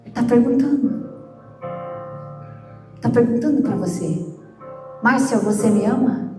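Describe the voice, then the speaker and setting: A woman pastor preaching a sermon, slow and emphatic, shifting between loud outbursts and hushed questions. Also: a little high. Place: church. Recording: echoey church with soft music. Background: soft instrumental music.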